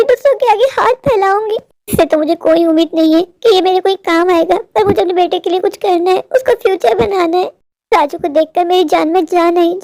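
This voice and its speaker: A poor, worn-out young mother in a cartoon, pleading and lamenting her troubles, voiced by a woman. The voice is very high-pitched and plaintive. The recording is dry and close. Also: darkish tone, dry recording. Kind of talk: cartoon voice-over.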